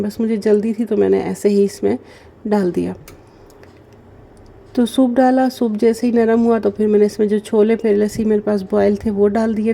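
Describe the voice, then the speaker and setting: A woman, narrating her daily routine vlog slowly and gently because of a sore throat. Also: mid-range voice, gravelly. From Pakistan. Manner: slow, gentle and chatty, with many fillers. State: sore throat, speaking softly. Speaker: vlogger. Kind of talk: casual voice-over narration.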